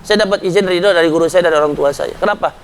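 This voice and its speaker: A man preaching a sermon to a congregation, talking conversationally and addressing them directly, at times rising to loud impassioned pleading. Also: sits high, rapid-fire, clean tone.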